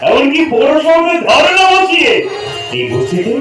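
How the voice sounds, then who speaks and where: A man's voice: extremely high pitch, big pitch swings, normal speed, a bit bright, distant mic, full character voice. An actor playing an earnest, admiring young man with hammy, emphatic folk theatre declamation. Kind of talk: Bengali jatra folk theatre acting. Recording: echoey stage PA from afar, music behind.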